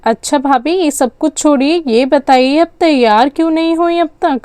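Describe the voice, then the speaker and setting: A woman's voice: high voice, normal speed, a little mellow, no echo, close to an everyday voice. A woman voicing a chatty young aunt in a doll story, eager and persuasive. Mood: coaxing. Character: young sister-in-law aunt, chatty and bossy. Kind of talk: storytelling with dolls.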